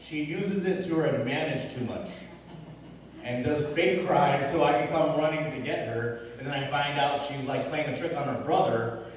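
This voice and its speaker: Young man, pastor, casual Bible teaching with a light faint room hum, reverberant hall. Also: a little high. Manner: relaxed, asks the room rhetorical questions, chuckles often. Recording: echoey hall from far off.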